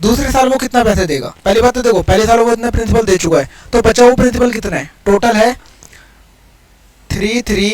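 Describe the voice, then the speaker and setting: A high-voiced man talks through a maths problem like a casual lesson. He explains each step aloud and rattles off digits as he works. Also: a little mellow, soft background music, poor audio. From India. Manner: chatty, explains steps aloud, counts digits quickly. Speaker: maths teacher. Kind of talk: casual exam-prep lesson.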